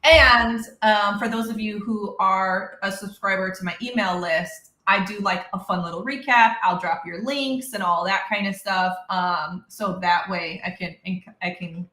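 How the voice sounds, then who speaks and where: A woman hosting a live career interview over a video call, bubbly and quick to laugh as she sets up questions. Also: mid-range voice, fairly even intonation, sharp tone, echoey room. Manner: bubbly, laughs easily, self-described nerd. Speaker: host.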